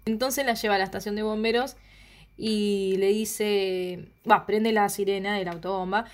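A woman's voice: medium pitch, steady tone, moderate pace. A young woman with a Rioplatense Spanish accent, retelling a series in casual chat and quoting characters animatedly. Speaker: co-host recapping a series.

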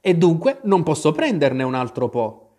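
A man's voice: on the high side, big pitch swings, moderate pace, a little mellow. A man voicing a curious, polite young girl in a storybook reading, asking earnest questions.

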